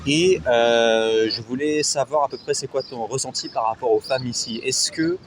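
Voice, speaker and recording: A man with a medium-pitched voice hosts a casual interview. He feels his way through sentences and often repeats himself. Faint urban outdoor noise sits behind him. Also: moderate pace. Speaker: interviewer, YouTuber helping expatriates.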